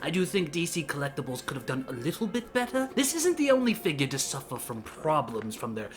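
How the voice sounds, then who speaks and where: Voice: mid-range voice, very animated, a little fast, faint music behind, lightly acted. A reviewer voicing the Joker as a theatrical, cackling male clown villain while reviewing a toy. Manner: theatrical, sing-song, giggling between lines.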